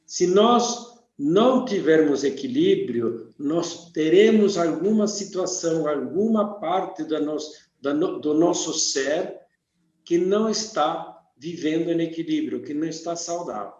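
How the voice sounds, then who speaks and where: An older man from Argentina, a radiesthesia teacher calmly explaining his field as a guest in an interview. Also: fairly high pitch, a little slow. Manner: calm, methodical, lists things one by one. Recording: dull, echoey call audio.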